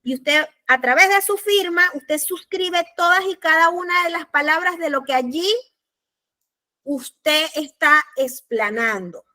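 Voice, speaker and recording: A woman with a Panamanian Spanish accent teaching a law class, speaking deliberately and repeating her key points. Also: sits high, pushed and bright. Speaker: law lecturer. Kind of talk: recorded class lecture.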